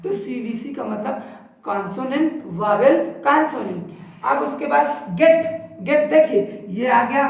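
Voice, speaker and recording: A woman teaching an English grammar lesson, explaining slowly and repeating each point while pointing at a board. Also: sits high, gravelly. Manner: slow, repetitive explaining at a board. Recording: very echoey, distant, dull lo-fi room.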